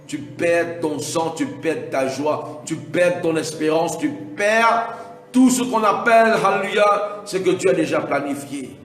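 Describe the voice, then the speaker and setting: A man preaching a Pentecostal sermon, repeating himself and punctuating his lines with alleluia, now and then building to shouts. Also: fairly high pitch, lively intonation, a little slow. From Mauritius. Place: large church hall. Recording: echoey hall from far off, faint music.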